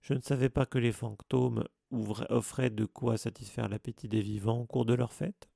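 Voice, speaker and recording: Casting : homme jouant un professeur sarcastique et méprisant. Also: male voice, medium pitch, fairly even intonation, moderate pace, creaky, dark tone, no echo, clean studio sound. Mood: narquois. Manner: sneering, mocking. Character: cold sneering male teacher.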